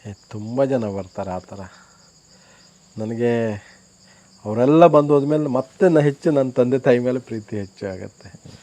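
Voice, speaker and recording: A man's voice: mid-range voice, unhurried, long pauses, mellow. A man who runs a homestay, earnestly telling stories of his guests in a casual interview. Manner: earnest, reflective storyteller. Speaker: homestay owner.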